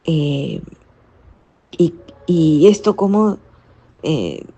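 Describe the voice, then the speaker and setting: A woman speaks in a low, dark and gravelly voice, giving a spiritual teaching. She talks slowly and reflectively, often tacking on rhetorical questions as she explains. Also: big pitch swings. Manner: reflective, frequent rhetorical "¿no?" tags. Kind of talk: spoken catechesis talk.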